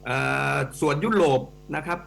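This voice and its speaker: Middle-aged male economics guest, animated and emphatic, slightly high voice, radio studio with faint hum. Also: normal speed. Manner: animated, emphatic explainer who addresses hosts directly. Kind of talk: radio talk show commentary.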